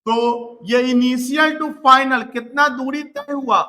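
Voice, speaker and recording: Guy teaching a physics class, bright high voice, asks the class stuff then answers it himself, says numbers twice. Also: fairly even intonation. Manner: slow, repeats key numbers, asks students questions then answers; motivational asides to students.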